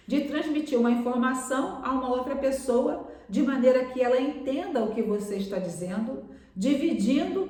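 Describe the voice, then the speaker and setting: A woman preaching a sermon on a live stream and addressing her listeners as beloved. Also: on the high side. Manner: warm pastoral address, calls listeners "amados". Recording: very echoey room, voice from far off.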